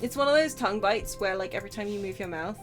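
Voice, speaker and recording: A woman's voice: medium pitch, fast, soft background music. A woman chatting casually and playfully as she commentates on a game she is streaming. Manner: playful, jokey. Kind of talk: casual chat and commentary while gaming.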